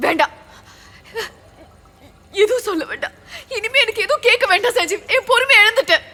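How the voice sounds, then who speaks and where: A woman's voice: extremely high pitch, expressive, brisk, sharp tone, in a large hall, heavily acted. An actress dubbing a distraught young mother who turns reproachful and tearful toward her husband. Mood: bitter. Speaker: mother, wife. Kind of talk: dubbed film acting.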